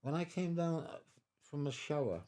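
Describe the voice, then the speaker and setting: A man in his nineties from England, telling his life story in an interview at his home, halting and repeating words, emotional at times. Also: on the high side, animated, a little mellow. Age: 90s. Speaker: war veteran interviewee. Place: living room of his own home.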